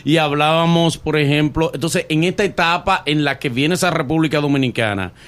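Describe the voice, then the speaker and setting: A man co-hosting a radio show, bantering and interviewing the guest with animated asides. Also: a little high, fairly quick. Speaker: radio co-host.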